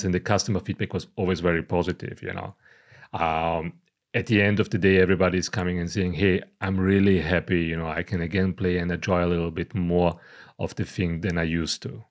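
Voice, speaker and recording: A man from Croatia, speaking English, walks through a setup step by step and checks in with "okay?" and "you know". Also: sits low. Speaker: product presenter. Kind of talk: casual screen-recorded tutorial.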